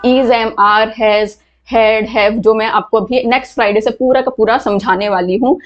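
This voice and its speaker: A woman with a fairly high voice gives an online English lesson. She explains patiently and repeats words so her students can hear how they sound. The audio is muffled and lo-fi. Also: fairly even intonation, moderate pace. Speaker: English teacher. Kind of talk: online class lecture.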